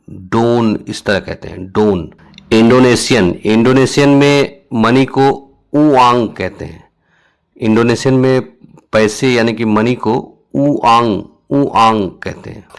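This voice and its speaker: A man presenting an explanatory lesson, going slowly and repeating each word several times so viewers can follow. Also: medium pitch. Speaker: educational video presenter.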